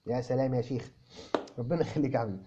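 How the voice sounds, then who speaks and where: A man from Egypt with an Egyptian Arabic accent, teaching English by answering viewer questions in an animated way, repeating words for emphasis and mixing English terms into his Arabic. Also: mid-range voice, racing, muffled recording, slight background noise.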